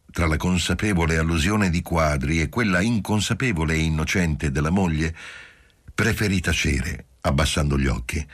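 Deep guy reading a novel aloud, steady, dry close sound. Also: slightly rough, no room sound. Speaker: audiobook narrator. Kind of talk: literary audiobook narration.

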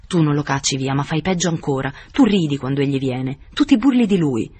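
A man's voice: on the high side, lively intonation, fairly quick, a little mellow, breathy edge. A man reading the lines of an anxious older noblewoman in an audiobook, speaking in a pleading, questioning way.

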